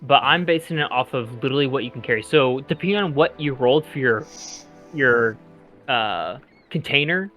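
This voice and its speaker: A man's voice: mid-range voice, normal speed, muffled recording, soft background music. Laid-back man running a tabletop game. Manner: relaxed, rambling, laughs often. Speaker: game master.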